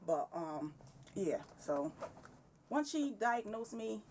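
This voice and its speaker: A woman's voice: medium pitch, sing-song, takes it slowly, a little mellow, far from the mic, slight background noise. A woman in her thirties talking candidly and with energy in a casual podcast conversation, often breaking into laughter. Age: 30s. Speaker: podcast guest.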